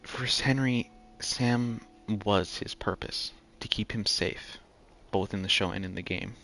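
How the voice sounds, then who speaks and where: Brief: young adult man, deep and gravelly, thoughtful game commentary with faint music under it. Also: a little slow, pushed and bright. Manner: musing, restarts sentences often. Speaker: gamer comparing game and show. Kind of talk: casual playthrough commentary.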